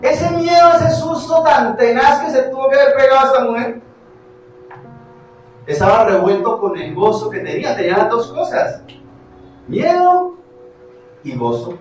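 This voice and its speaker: A man with a Colombian accent preaching a sermon as pastor, animated, asking the congregation questions and swinging from loud to hushed. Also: very high voice, moderate pace. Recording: very echoey hall, distant mic, faint music.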